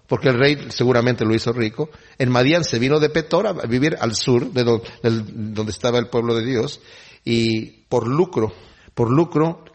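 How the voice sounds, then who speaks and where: A man's voice: mid-range voice, husky. A man preaching in a casual teaching style, retelling scripture conversationally and quoting the people in it. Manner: conversational, retells scenes with quoted voices.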